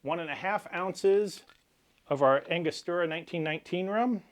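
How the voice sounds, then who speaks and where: A man hosting a cocktail tutorial, explaining each step in a measured, instructional way. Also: sits high. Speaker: cocktail channel host. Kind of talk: cocktail recipe tutorial presentation.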